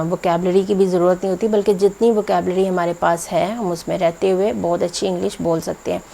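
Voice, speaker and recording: A woman whose first language is Urdu, teaching a spoken English lesson and slowing down to spell out example words one by one. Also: lowish voice, gravelly, dark tone, rough recording. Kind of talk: explanatory video lesson.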